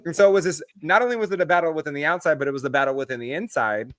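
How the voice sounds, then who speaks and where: A man co-hosting a podcast, telling animated stories in casual chat and swearing freely. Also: a little high, very fast, no room sound, studio quality. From United States. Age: adult, past his early twenties. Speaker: podcast co-host.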